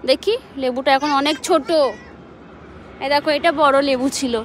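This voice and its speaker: A woman's voice: sits high, fairly even intonation, normal speed, a bit bright, slight background noise. A young mother talking to her small child in a sing-song, coaxing way while filming outdoors in a rooftop garden. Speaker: mother and vlogger.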